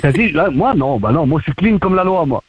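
Polite Belgian coach on a call; hesitant, lots of "euh", slightly high voice. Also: male voice, animated, brisk, slightly rough. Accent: Belgian French. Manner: hesitant, polite, many fillers. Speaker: caller, fitness coach.

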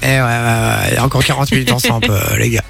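Jokey radio host, gravelly voice. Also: male voice, medium pitch, steady tone, fairly quick, over music. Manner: jokey, rambling with many fillers. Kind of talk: casual radio banter. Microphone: studio microphone.

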